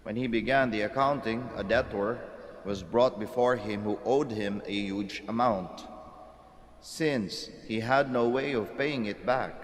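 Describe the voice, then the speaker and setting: A man's voice: on the low side, a little hiss or hum. Man reading in cathedral echo. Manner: measured, solemn proclamation. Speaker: priest reading the Gospel at Mass. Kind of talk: liturgical Gospel reading. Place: large church. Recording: long church hall reverb.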